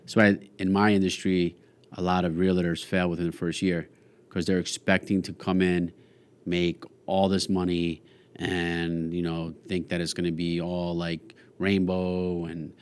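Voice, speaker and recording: Man, very low voice, blunt, casual podcast talk, cusses a lot. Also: flat delivery, unhurried, smooth. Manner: blunt, swears freely. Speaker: podcast co-host, realtor. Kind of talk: casual chat.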